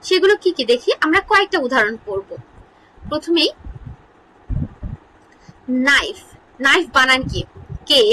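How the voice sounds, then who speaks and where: A woman teaching an English grammar lesson in Bengali, asking questions and answering them herself, repeating example words slowly. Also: very high-pitched, sharp tone, slight background noise, low-quality recording. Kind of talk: online lesson explaining English spelling.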